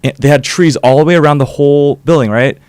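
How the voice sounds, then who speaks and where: A man talks quickly and loosely as a podcast co-host, wandering through his points and swearing casually. The sound is dry and close, with no room around him. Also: on the high side, a little mellow, clean tone, no room sound. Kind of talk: casual chat.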